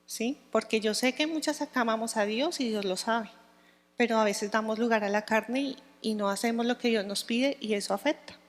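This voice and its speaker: A woman with a fairly high voice teaches scripture to a group of women, relaxed and conversational. She keeps pausing to check her listeners are with her. Her voice rings out in a reverberant hall. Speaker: women's Bible study teacher.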